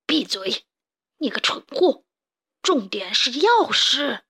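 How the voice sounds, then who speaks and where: Storybook villain: a woman doing a mean, bossy male rat boss, sneering, slightly high. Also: expressive, takes it slowly, sharp tone, heavily acted. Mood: scolding. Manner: sneering, barks insults.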